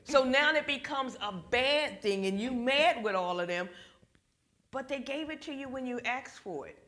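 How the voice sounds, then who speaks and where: Woman, church class leader, animated storyteller, jumps into little voices. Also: high-pitched, normal speed. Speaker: ministry financial class leader. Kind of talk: church group discussion.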